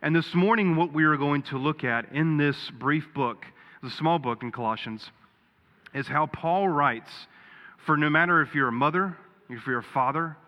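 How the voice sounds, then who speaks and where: A man's voice: fairly high pitch, normal speed. A pastor giving a sermon in his church, earnest and folksy, telling a joke story before turning to Scripture. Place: church sanctuary. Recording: dull, reverberant church recording.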